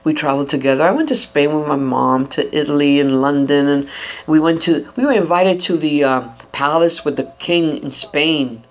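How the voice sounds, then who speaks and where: An older entertainer giving an interview, talking in an animated way and demonstrating voices while handing out advice. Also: mid-range voice, normal speed. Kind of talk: interview chat. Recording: dull lo-fi, faint noise.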